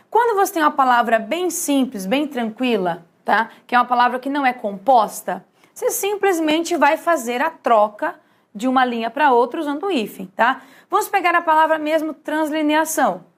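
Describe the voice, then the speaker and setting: A woman teaching a writing lesson in a lively way, often checking in with her students. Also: high voice. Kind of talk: classroom lesson at a whiteboard.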